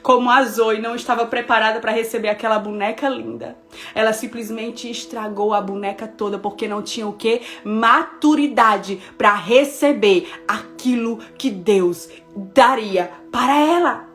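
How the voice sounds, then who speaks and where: A woman pastor in her thirties preaching a devotional message, telling a personal story with lively, expressive delivery and speaking straight to her listeners. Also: fairly high pitch, moderate pace, soft background music. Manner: expressive storytelling, acting out dialogue, addressing listeners directly.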